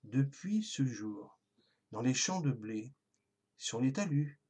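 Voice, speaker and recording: A storyteller giving a gentle, expressive scripted narration of a children's tale, with a husky voice. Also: medium pitch, slow pace.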